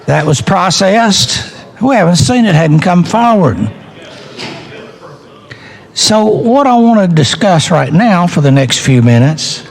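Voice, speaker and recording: A male legislator gives a political speech in a fairly high voice with a heavy gravelly creak. He takes his time, laying out his argument point by point. He leans on rhetorical questions and repeats key phrases deliberately. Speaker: legislator giving a floor speech.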